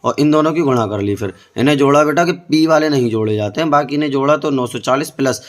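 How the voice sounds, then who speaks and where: A man's voice: medium pitch, fast. A male math teacher working through board-exam problems step by step, often putting questions to his students. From India. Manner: explains step by step, keeps asking the students questions. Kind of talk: board-exam tutoring lesson.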